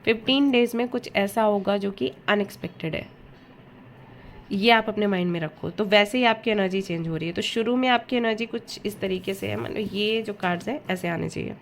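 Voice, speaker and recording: Woman, middle pitch, chatty direct-to-viewer tarot reader, faint background noise. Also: a little fast. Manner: chatty, addresses viewer directly, mixes English words into Hindi. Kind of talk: casual tarot reading to camera.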